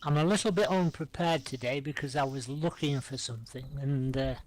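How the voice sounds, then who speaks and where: This middle-aged man, mid-range in voice and fairly quick in pace, hosts a poetry reading streamed live. He recites rhyming poems he wrote himself and calmly introduces the next reader in between.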